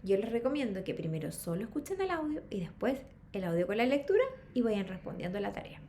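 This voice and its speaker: Lively woman teaching English. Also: mid-range voice, fairly quick, a little hiss or hum. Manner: lively, checks in with constant "¿ok?" and "¿ya?". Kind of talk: online class lecture.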